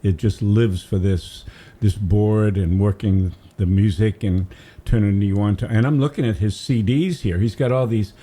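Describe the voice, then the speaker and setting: A man's voice: on the low side, moderate pace, dark tone, slightly rough. An older man from Massachusetts, a guest radio DJ rambling enthusiastically in casual studio chat, humming tunes as he tells stories. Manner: rambling, enthusiastic storytelling, hums melodies.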